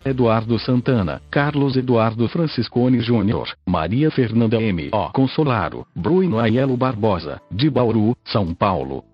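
Brazilian male podcast narrator, old text-to-speech synthesizer sound, mechanical read, slightly husky, muffled recording. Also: medium pitch. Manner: stiff, mechanical reading. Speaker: podcast host. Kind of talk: scripted narration, reading an article aloud. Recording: muffled lo-fi audio with music.

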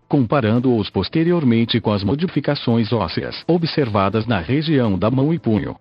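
Synthesized Brazilian male voice, muffled and husky. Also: medium pitch. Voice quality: synthesized text-to-speech voice. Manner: stiff, mechanical reading like an old speech synthesizer. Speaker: podcast host. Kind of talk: scripted narration, reading an article aloud.

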